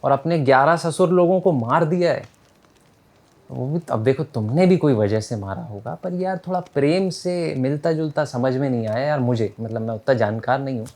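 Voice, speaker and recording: A man voicing a smooth-talking male royal envoy who coaxes prisoners in a casual, friendly way. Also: mid-range voice, moderate pace, darkish tone, lightly acted. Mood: coaxing. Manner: coaxing, casual, calls people friend.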